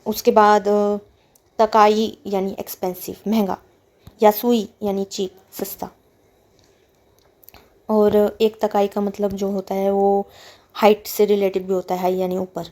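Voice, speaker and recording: A woman's voice: mid-range voice, flat delivery, unhurried, long pauses, a little mellow. A woman teaching a Japanese lesson, patiently reading words and explaining each one with repetition and translation.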